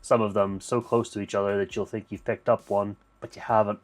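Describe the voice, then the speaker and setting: A man's voice: lowish voice, flat delivery, a little fast. A man co-hosting a casual gaming podcast, playful and teasing. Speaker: podcast co-host.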